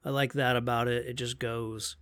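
A man's voice: medium pitch, flat delivery, moderate pace, a bit bright, dry recording. Thoughtful man, dry close sound. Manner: thoughtful, trailing phrases. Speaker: podcast guest. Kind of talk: casual chat.

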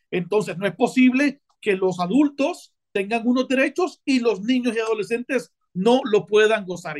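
A man, a guest on a talk show, explaining his view at length with many fillers and repeated tag questions. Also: high voice. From Honduras. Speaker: podcast guest speaker.

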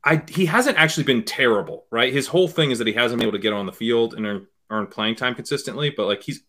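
A man who is a guest on a podcast, analyzing fantasy football picks in a hedging, casual way and often trailing off quietly. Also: medium pitch, quick pace. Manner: hedging, many fillers and restarts, trails off quietly.

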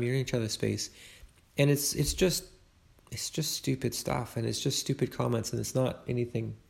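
Gravelly-voiced man giving a faith talk. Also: medium pitch, darkish tone. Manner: conversational, with frequent restarts.

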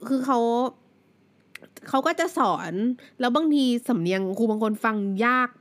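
A woman's voice: a little high, big pitch swings, a little slow. A young woman from Thailand hosting her own podcast, talking casually with lots of fillers and English words mixed in. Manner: chatty, many fillers, mixes English words. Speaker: podcast host. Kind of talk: casual solo podcast talk.

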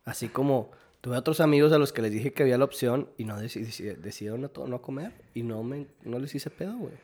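A man's voice: mid-range voice, fast talker, warm tone. A young Mexican man co-hosting a podcast, teasing his friend with short, dry remarks. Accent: Mexican Spanish. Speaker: podcast co-host. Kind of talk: casual chat.

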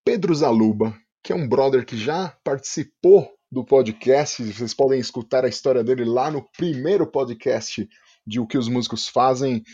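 A man's voice: medium pitch, mellow, husky, highs cut off. A man with a Brazilian Portuguese accent hosting a casual podcast interview in an effusive, slangy, hyperbolic way. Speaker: podcast host.

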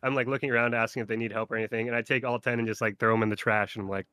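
A man telling a story in casual podcast chat, full of "like" and animated retellings. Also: medium pitch, very fast, smooth. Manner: filler-heavy, animated retelling.

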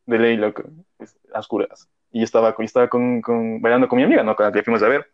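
Speaking fast in a steady, mid-range voice, a young male podcast co-host spins a rambling casual story loaded with slang and filler words, captured on dull, lo-fi audio.

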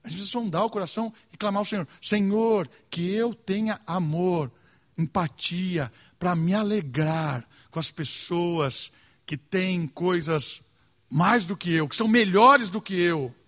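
A man's voice: sits high, unhurried, fairly bright tone. A man preaching a sermon earnestly, with rhetorical questions and swings of emphasis.

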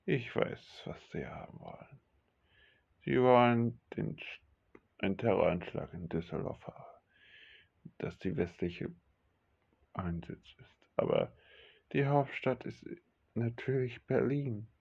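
A man's voice: on the low side, wildly swooping pitch, slow pace, creaky, pauses often, darkish tone, breathy edge, full character voice. A man playing a young male passenger on a hijacked plane, answering in a dry, slightly mocking way in a homemade audio drama. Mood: wry. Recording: dull lo-fi recording, faint music.

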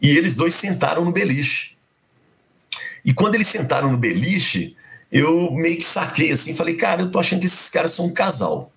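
A man's voice: fairly high pitch, normal speed, gravelly. A middle-aged man from Belo Horizonte, telling a personal story in a conversation and acting out the dialogue as he goes. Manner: animated, acts out quoted dialogue. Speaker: guest.

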